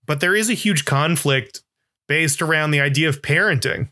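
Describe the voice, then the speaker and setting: A man's voice: on the high side, normal speed, sharp tone. A man co-hosting a podcast, chatting casually and enthusiastically, rambling a little with restarts. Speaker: podcast co-host. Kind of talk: casual chat.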